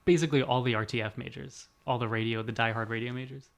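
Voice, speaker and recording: A man's voice: medium pitch, steady tone, quick pace, gravelly. A young man in his twenties chatting casually as a podcast co-host, rambling and self-deprecating, laughing often. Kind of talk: casual chat.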